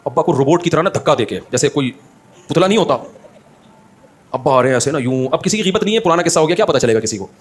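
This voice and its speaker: A man's voice: a little high, expressive, fast, slightly rough. A man giving a religious talk, telling humorous anecdotes and acting out the people in them. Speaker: Islamic scholar giving a talk.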